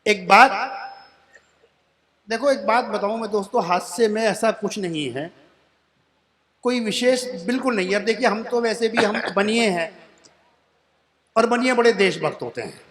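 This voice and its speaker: Onstage at a poetry gathering, a man in his sixties performs comic poems and stories, chatting with the audience as friends and repeating couplet lines before every punchline. His voice sits high with a fairly bright tone; he's animated and unhurried, pausing often.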